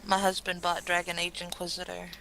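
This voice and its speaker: A woman's voice: fairly low pitch, monotone, brisk, pushed and bright, low-quality recording. A woman playing an online game and chatting casually with her fellow players. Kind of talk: casual gaming chat. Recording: clear background noise.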